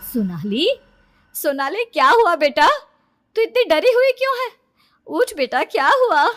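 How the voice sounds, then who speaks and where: A woman voicing a caring mother who fusses over her frightened daughter and gently scolds her, in a cartoon story. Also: high voice, sing-song, unhurried, exaggerated voice. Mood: worried. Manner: fussing, worried, scolding gently.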